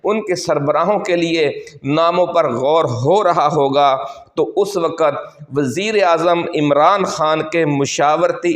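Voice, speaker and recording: A man with a fairly high voice giving a political commentary monologue. He is rhetorical and builds long, cadenced lists of names. The room is echoey.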